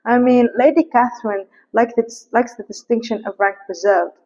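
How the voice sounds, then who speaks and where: A woman's voice: fairly high pitch, steady tone, moderate pace, warm tone, big-room sound, close to an everyday voice. A woman voicing a pompous, fawning male clergyman who talks in boastful slang. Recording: muffled lo-fi recording.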